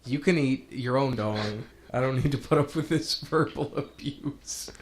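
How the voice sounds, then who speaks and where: A man commentating on a video game playthrough in a casual, rambling way, getting animated as he retells a story. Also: mid-range voice, a little slow. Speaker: let's play commentator.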